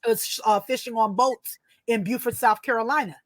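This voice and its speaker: Woman, children's author, interview guest, animated storyteller, higher voice, dry close sound. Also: a little fast, dry recording.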